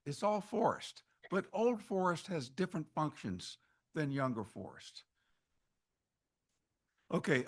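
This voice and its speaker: In a meeting hall at an annual meeting, a man gives an informal slide lecture on forest ecology. His mid-range, slightly bright voice stays conversational as he restarts phrases and tosses in wry asides.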